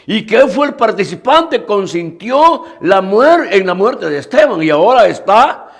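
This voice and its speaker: Man, pastor, sermon, slow deliberate delivery, lively swooping pitch, earnest, repeats himself. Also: slightly rough. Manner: earnest preaching, addressing listeners directly, repeats phrases with halting restarts.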